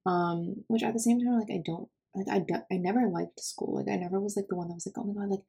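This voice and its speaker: A woman's voice: mid-range voice, fairly even intonation, fast, vocal fry, dark tone, breathy edge. A woman in her twenties hosting a podcast, chatting casually with lots of filler words. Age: 20s. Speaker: podcast host.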